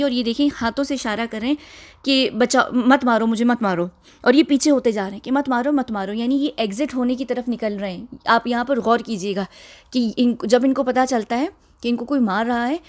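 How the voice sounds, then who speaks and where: Higher-pitched woman explaining video clips. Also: darkish tone. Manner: conversational with frequent fillers and restarts; insistent, repeatedly urging viewers to look closely. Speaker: video commentator. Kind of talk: explaining a music video scene by scene.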